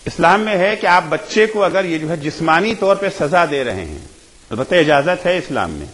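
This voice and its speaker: A man delivering an impassioned majlis sermon in a high voice that swings widely in pitch. He asks rhetorical questions, bursts into shouts, then drops low and soft. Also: poor audio. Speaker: Shia cleric giving a majlis.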